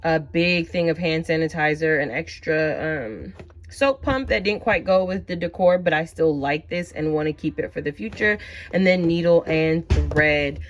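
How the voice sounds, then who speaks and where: A woman's voice: low-pitched, normal speed, muffled recording. A woman in her thirties casually walking through her organized home closet, chatting with lots of fillers as she shows each item. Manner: chatty, many fillers, describing items as she shows them. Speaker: vlogger.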